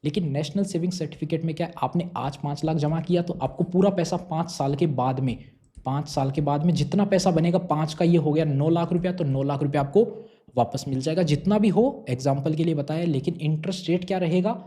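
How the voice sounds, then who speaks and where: A young adult man, a finance YouTuber, explains savings schemes in an explainer talk to camera. His voice is on the high side, warm and brisk, and he goes step by step, asking and answering his own questions.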